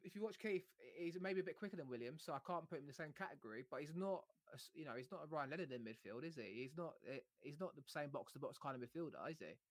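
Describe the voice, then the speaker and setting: Quick-talking male football podcast host. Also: on the high side, animated, no room sound. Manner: opinionated, reasoning aloud. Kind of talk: casual football panel chat.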